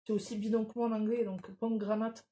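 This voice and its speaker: A woman vlogger talking casually through her shopping haul. Her voice sits a little high, and she hesitates often, filling gaps with fillers and correcting herself. Faint background noise runs under the recording. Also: little pitch movement, brisk, warm tone. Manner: self-deprecating about her English. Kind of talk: casual haul video chat.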